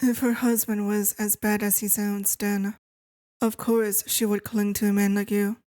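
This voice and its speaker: Girl doing a yandere wife asmr ASMR role-play, sweet but eerily obsessive, slow and soft, super dry close sound. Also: mid-range voice, level tone, dry recording, close to an everyday voice.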